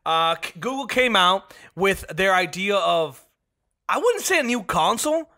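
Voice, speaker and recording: A man co-hosting a casual podcast, excitable, laughing often and steering the chat back on track. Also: high-pitched, unhurried. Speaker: podcast co-host.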